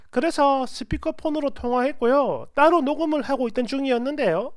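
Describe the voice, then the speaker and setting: A woman with a high, very lively voice narrating a first-person story in a chatty, expressive way. The recording is dry and close. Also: no echo.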